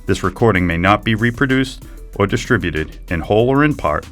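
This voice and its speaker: A man reading a legal disclaimer at the end of a podcast in a steady, formal way. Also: fairly low pitch, a little fast, faint music behind. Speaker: disclaimer announcer.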